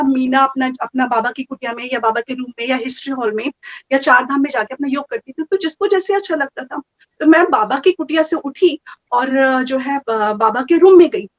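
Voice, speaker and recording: A woman with a high voice tells a personal story in a lively, animated way. She slips English phrases into her talk. The recording sounds muffled and dull. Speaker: guest sharing experiences. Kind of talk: casual storytelling.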